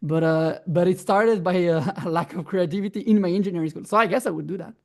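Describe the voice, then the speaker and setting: A man's voice: high voice, fast. A young man from Belgium, a musician guest, talking casually in with many fillers and restarts. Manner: hesitant, many restarts and fillers, non-native phrasing. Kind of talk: casual interview chat.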